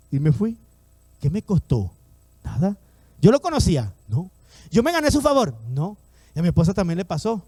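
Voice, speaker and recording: A man's voice: high voice, warm tone, no room sound. A male pastor preaching an emphatic sermon, calling on the congregation to repeat his words and acting out the voices in his stories. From Latin America. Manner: emphatic, repeats lines and calls on the congregation to respond.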